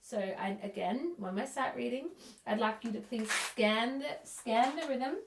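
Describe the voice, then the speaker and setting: A woman's voice: a little high, measured pace, background noise. Encouraging woman music teacher, echoey room. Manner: encouraging, counts in and praises. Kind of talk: children's music lesson. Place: room at home. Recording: echoey room, a bit distant.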